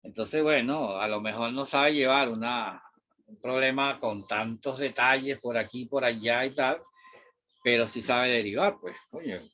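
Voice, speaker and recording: A man's voice: medium pitch, measured pace, sharp tone. Rambling Venezuelan man teaching math. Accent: Venezuelan Spanish. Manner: rambling, digressive, with frequent fillers and mild swearing. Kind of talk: casual classroom talk.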